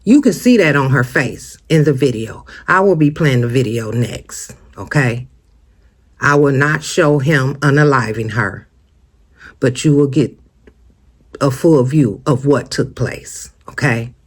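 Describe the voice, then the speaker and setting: With a mid-range, breathy-edged voice and a measured pace, this American host of a true-crime channel offers opinionated commentary directly to her audience. She keeps it conversational and emphatic, often asking rhetorical questions.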